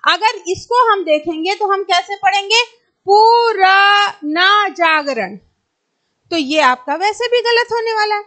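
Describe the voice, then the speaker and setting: This very high-pitched woman sounds expressive, pushed and bright as she teaches grammar for an exam. She goes slowly and patiently over every word, asking her own questions and supplying the answers.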